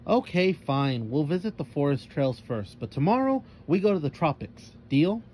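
A man's voice: on the high side, sing-song, moderate pace, darkish tone, slight background noise, pitched above the performer's own voice. A man voicing a bossy, upbeat young girl who talks insistently.

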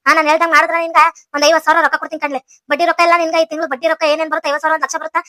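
A woman voices a villainous cartoon matriarch, bossy and scheming, with a North Karnataka Kannada lilt. The voice sits very high and bright and races along, dry and close to the mic. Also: flat delivery, very fast, no room sound. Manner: plotting, bossy, bargaining. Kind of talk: cartoon comedy voice acting.

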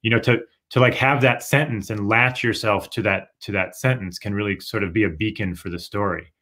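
Over a webcam from his home, a young man helps lead an online writing workshop as an instructor, explaining with patience and plenty of "sort of" and "kind of." He has a lowish voice with fairly even intonation, a fairly bright tone, and a fairly quick pace.

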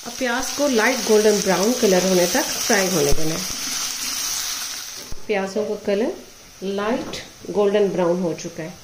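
A woman hosts a cooking lesson in a home kitchen, giving measured, methodical steps and checking in with her viewers. Her voice sits at a middle pitch, with faint sizzling and stirring behind it. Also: background noise. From Pakistan. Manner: calm, methodical, checks in with "ठीक है". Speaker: cooking show host. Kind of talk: step-by-step recipe instruction. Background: frying and stirring sounds.

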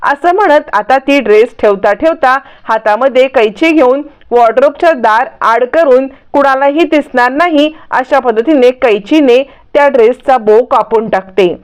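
A woman retells a TV serial episode in a lively, dramatic storytelling voice. Her pitch sits high and her tone is smooth and clear. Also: moderate pace, hardly any pauses. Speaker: narrator.

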